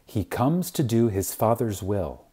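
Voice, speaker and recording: Reverent and heavily emphatic, a husky-voiced man gives a dramatic reading of a spiritual lecture in a sing-song style. His pitch rises and falls widely as he goes very slowly, pausing deliberately and letting phrase endings trail off softly.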